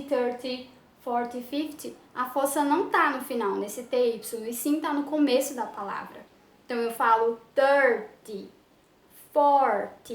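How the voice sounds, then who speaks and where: A woman English teacher giving a slow, patient lesson, drawing out her explanations. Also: on the high side, a little hiss or hum. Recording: echoey room with faint ambience.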